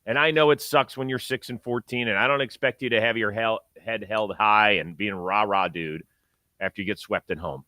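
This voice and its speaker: A man hosts a sports talk show in a lowish, bright and forceful voice. His commentary is conversational and punchy, recorded close and dry. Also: moderate pace, no room sound.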